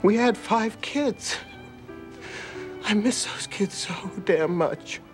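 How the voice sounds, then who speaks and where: An actor playing a middle-aged divorced father on a dinner date, talking in a halting, hesitant way. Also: high voice, lively intonation, faint music behind. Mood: remorseful. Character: remorseful divorced father of five.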